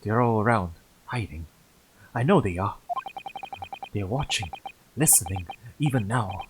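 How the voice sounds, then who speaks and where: A man voicing a nervous, paranoid Japanese author locked in a prison cell, with a British accent and shrill outbursts. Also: animated, unhurried, noisy background. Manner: jittery, suspicious, bursts into shrill outcries.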